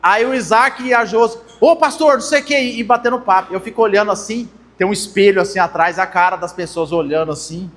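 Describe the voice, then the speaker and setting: Speaking briskly with few pauses, a young adult pastor with a Brazilian Portuguese accent gives a conversational sermon to the congregation, whom he calls brothers. His voice sits high and is fairly bright, with fairly even intonation, and long reverb fills the church hall.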